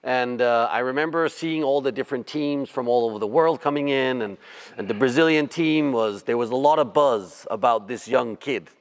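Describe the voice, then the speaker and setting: A man in his fifties interviewing a guest in a relaxed, conversational way, often repeating words as he thinks. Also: mid-range voice, normal speed. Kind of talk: interview questions.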